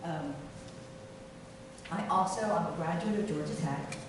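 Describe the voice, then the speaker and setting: In an echoey meeting room, a middle-aged Taiwanese woman running for city council delivers a stump speech in a low voice. She speaks haltingly, with fillers and restarts, and the distant mic picks up noise throughout.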